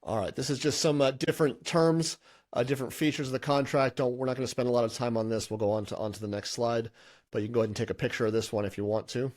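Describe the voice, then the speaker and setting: Middle-aged guy running through exam slides, mid pitch, chatty with lots of ums and restarts. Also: steady tone, quick pace, darkish tone. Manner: conversational, thinks aloud with frequent restarts and fillers. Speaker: licensing instructor. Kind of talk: presenting an exam-prep lesson with slides.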